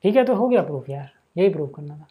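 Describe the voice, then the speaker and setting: A man's voice: fairly high pitch, animated, fast talker, warm tone, breathy edge. A man teaching a math lesson in a casual, step-by-step way, talking to his students as "brother" and checking in often to see if they follow. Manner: chatty, keeps checking in with "है ना" and "यार"; talks to students as "भैया" and "भाई".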